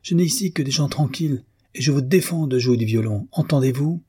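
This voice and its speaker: A man's voice: mid-range voice, moderate pace, dark tone, slightly rough, pitched above the performer's own voice, lightly acted. A man voicing an irate older landlady who scolds her tenants in a raised, indignant voice. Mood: scolding.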